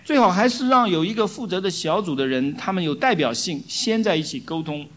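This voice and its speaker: A man preaching a sermon in short measured phrases, pausing for an interpreter. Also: high-pitched, expressive. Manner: measured, teaching, pauses for interpretation.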